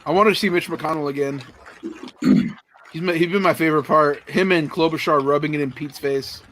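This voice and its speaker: A man co-hosting a live stream, joking loudly and laughing as he riffs on a broadcast. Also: a little high, fairly even intonation, normal speed, slight background noise. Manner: loud, joking, laughs often. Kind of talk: casual commentary over a broadcast.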